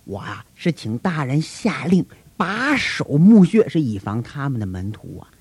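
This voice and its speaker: A man voicing a fawning, scheming chief priest who pleads low, hushed and slow. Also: sing-song, breathy edge, no echo. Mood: wheedling.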